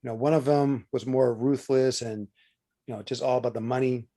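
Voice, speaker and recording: A man's voice: mid-range voice, fairly even intonation, moderate pace, mellow. Rambling man in casual review chat. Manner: rambling, stumbles over names, lots of "you know". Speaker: co-host. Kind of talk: casual watch-party chat.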